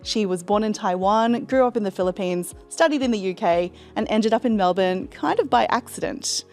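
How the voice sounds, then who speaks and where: Over soft background music, a woman hosts an interview podcast, introducing her guest and posing encouraging questions. Her mid-range voice has a darkish tone and moves at a normal pace.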